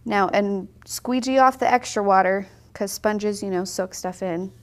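This watercolor instructor, a woman in her 30s, is cheerful and talkative as she leads a relaxed on-camera painting lesson from a table in her indoor studio. She speaks in a mid-range voice at a slightly slow pace. Her manner is bright and conversational, explaining things one step at a time.

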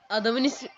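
A male gaming host giving casual, excitable commentary while he plays, teasing the game characters and chanting words over and over. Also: extremely high pitch. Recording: slightly dull lo-fi recording.

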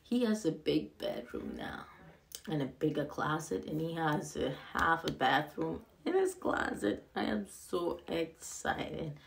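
A young adult woman casually narrating a tour of an empty house, excited and rambling, repeating words, filmed on a handheld phone indoors. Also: deep voice, unhurried, vocal fry. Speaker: vlogger giving a house tour. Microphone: handheld phone camera, filming.

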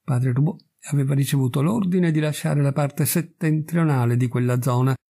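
Male narrator, audiobook, measured and dramatic, gravelly voice. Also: mid-range voice, warm tone. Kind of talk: audiobook story reading.

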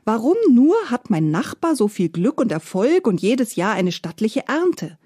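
A desperate poor farmer, as a woman storyteller puts him on, pleads and cries out in rising, agitated questions. The voice stays husky and close, with lively swings in pitch. A storybook telling for listeners. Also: measured pace, dry recording. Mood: pleading. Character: poor hard-working male farmer, desperate then hopeful.

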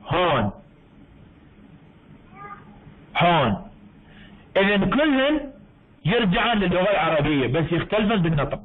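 A man with an Iraqi Arabic accent teaching university English in an online lecture, explaining slowly with many repeats and self-corrections. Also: sits high. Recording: tinny online-call audio.

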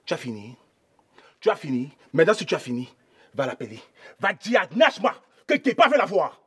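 An actor playing a threatening young thug who shouts and makes threats. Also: male voice, a little high, huge pitch swings, brisk, slightly rough, exaggerated voice. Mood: menacing. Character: menacing young male thug demanding to see his girlfriend.

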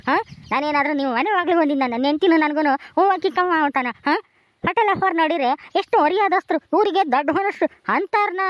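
A rowdy drunk villager picking fights, played by a woman in a high, fast voice. He slurs and heckles, tossing a challenging "ha?" after each jab. The sound is dry and close. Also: dry recording, highs cut off. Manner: slurred, heckling, ends lines with a challenging "ha?". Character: drunken quarrelsome village man. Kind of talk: village comedy-drama acting.

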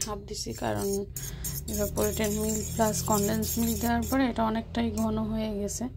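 A woman's voice: medium pitch, gravelly. A young woman, vlogging from her home kitchen and chatting through each cooking step. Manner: chatty, explains each step as she cooks. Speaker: vlogger and mother. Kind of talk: casual home vlog narration.

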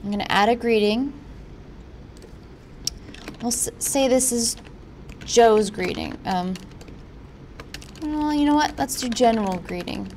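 A woman presenting a software tutorial in an informal, instructional way. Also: a little high, takes it slowly, pauses often, slight background noise. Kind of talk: software walkthrough narration.

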